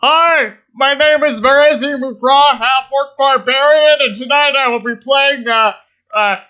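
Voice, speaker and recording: A woman's voice: sits high, measured pace, pushed and bright, highs cut off. A teenage young woman playfully introducing herself as a player on a game podcast. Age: teens.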